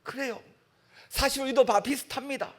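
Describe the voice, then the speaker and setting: A man's voice: very high-pitched, steady tone, moderate pace. A male pastor preaching a sermon in a church, emphatic and full of rhetorical questions to the congregation.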